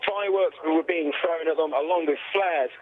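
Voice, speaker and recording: Over a thin, tinny phone line, a man with an English accent gives an eyewitness report. His voice is notably high for a man, in the manner of a radio reporter on the scene. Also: normal speed.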